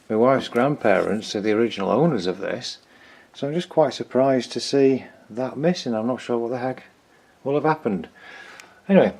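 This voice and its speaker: A hobbyist repairer presents his own video, offering casual hands-on commentary as he works. His voice is mellow and medium-pitched, and he thinks aloud informally and tentatively.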